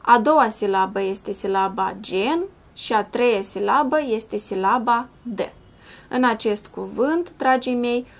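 A woman primary school teacher giving a slow, clear video lesson, patiently spelling out syllables and sounds step by step. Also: medium pitch. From Moldova. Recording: voice-over with soft background music.

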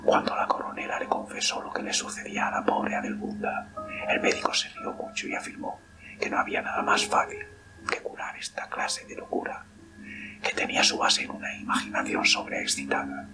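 A man reading a ghost story aloud in a steady, hushed whisper throughout. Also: extremely high pitch, a little fast, over music, low-quality recording. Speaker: narrator.

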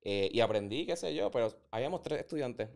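Presentador puertorriqueño animado, voz limpia. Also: male voice, mid-range voice, fast talker, vocal fry. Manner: animated, opinionated, mixes in English. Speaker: podcast host. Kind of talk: casual interview.

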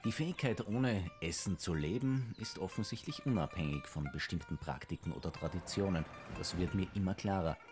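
Man, very deep voice, calm documentary narration, music underneath. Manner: calm, measured. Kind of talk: documentary voice-over.

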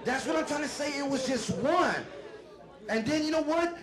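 Loud profane stand-up man. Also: very high voice, animated, moderate pace. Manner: loud, profane, rambling with shouted bits. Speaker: stand-up comedian. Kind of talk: live stand-up set. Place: comedy club stage with a laughing audience. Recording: echoey live room, loud crowd noise.

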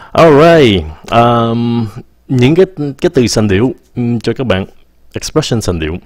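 A man teaching English in a casual video lesson, switching between languages, saying "ok" often and slowing down to model example sentences. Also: on the low side, a little mellow, no room sound. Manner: mixes English phrases into explanations, repeats "ok" often.

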